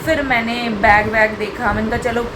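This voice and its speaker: A woman's voice: fairly high pitch, fairly even intonation, moderate pace, background noise. A young woman talking casually through a home vlog, chatty and rambling as she explains her day. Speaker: vlogger.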